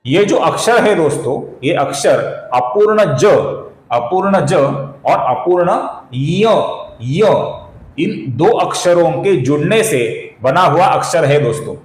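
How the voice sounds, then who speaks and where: A man teaching correct Sanskrit pronunciation in a lesson, explaining each syllable patiently and slowly chanting verses. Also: a little high, lively intonation, reverberant, rough recording. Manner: addresses viewers as friends, repeats corrections patiently.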